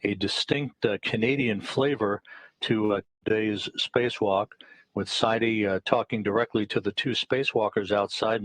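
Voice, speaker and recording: A man giving live broadcast commentary in a measured way, often pausing on "uh". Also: lowish voice, no room sound, low-quality recording. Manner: measured, with frequent "uh" pauses.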